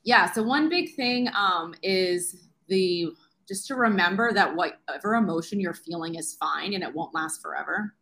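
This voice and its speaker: A woman in her thirties talks openly as an interview guest, in a lowish voice with a bright, forceful edge. She is chatty and earnest and leans on "like" through nearly every sentence. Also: normal speed. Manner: chatty, uses "like" constantly, earnest. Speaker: guest, science teacher. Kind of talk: candid interview talk.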